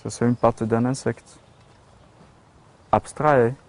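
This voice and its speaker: A Flemish-accented Belgian man, native in Dutch, walks through his studio casually and presents his metal sculptures in hesitant French, full of fillers and restarts. His voice is medium-pitched, a little mellow and fairly even in intonation, and his pace is slow. No room sound is audible.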